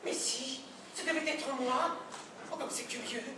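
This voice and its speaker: A woman acting a prim, overly polite wife in an absurdist stage play, speaking with measured, ceremonious politeness. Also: high voice, noisy background. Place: theatre stage. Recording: echoey stage sound from a distant mic.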